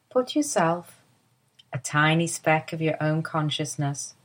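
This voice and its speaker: A woman with a low voice leads a slow, calm body-awareness session. Her delivery is soft and soothing, unhurried from line to line. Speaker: movement teacher guiding a lie-down. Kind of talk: guided body-awareness instruction.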